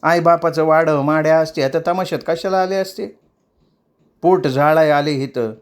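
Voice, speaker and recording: A man's voice: on the high side, fairly even intonation, measured pace, clean tone, voice pushed up. A man voicing a lovesick, tearful young tamasha dancer, pleading in rural dialect.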